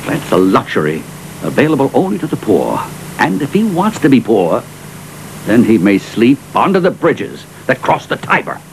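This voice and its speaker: A man's voice: mid-range voice, huge pitch swings, moderate pace, gravelly, slight background noise, low-quality recording. An actor playing a haughty, scornful rich aristocratic father in a dubbed film, speaking in a pompous, sneering manner. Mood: condescending. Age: middle-aged. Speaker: wealthy father.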